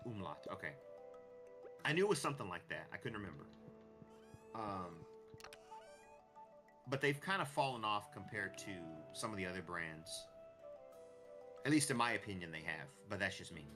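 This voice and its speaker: A man giving casual gameplay commentary, thinking aloud and restarting his sentences as he rambles. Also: on the low side. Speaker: gameplay streamer. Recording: clear music behind the voice.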